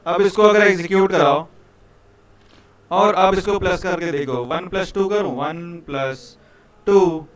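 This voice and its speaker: Casual teacher addressing a class. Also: male voice, high voice, slow, pauses often. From India. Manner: casual, repeats "ठीक है" and "भाई", coaxing students. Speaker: programming teacher. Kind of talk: live classroom lecture.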